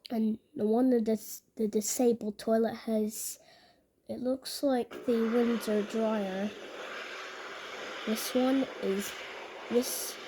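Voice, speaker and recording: A woman giving casual vlog commentary in a halting, repetitive way, often restating her phrases. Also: a little high, fairly even intonation, background noise. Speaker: video narrator.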